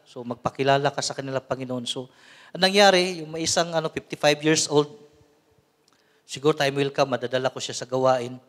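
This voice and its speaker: A man in his forties from the Philippines preaches in an easy, conversational way. He often tags his sentences with a questioning "no?" and slips into English. His voice sits on the higher side for a man, and a long hall reverb trails each phrase. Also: moderate pace, pauses often, a bit bright. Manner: mixes English into talk, frequent "no?" tag questions. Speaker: lay preacher. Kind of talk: conversational healing sermon.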